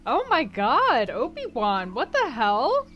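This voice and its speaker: Sitting high in pitch and swooping wildly, this woman's slow voice comes through lo-fi sound over soft background music. Hosting a book club stream, she chats with viewers in a rambling, laugh-filled way before the reading begins.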